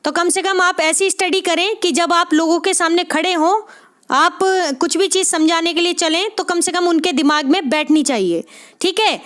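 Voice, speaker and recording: A woman's voice: extremely high pitch, a bit bright. A woman tutor giving a spoken exam-prep lesson, encouraging her students and checking "okay?" after nearly every phrase. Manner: spells out sounds slowly one by one. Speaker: Hindi literature exam tutor.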